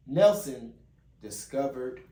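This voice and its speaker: Reading a children's picture book slowly and very animatedly, a father and read-along channel host speaks in a medium-pitched, dark-toned voice. He occasionally trips up and repeats a phrase; the echoey home recording has a bit of hiss or hum.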